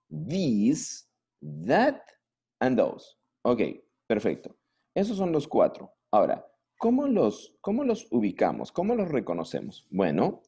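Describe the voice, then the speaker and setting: A man teaching English grammar in an online class, modelling each word slowly and checking in with his students. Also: on the low side, warm tone, breathy edge. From Peru. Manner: slow, drawn-out model pronunciation with questioning tags. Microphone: computer mic.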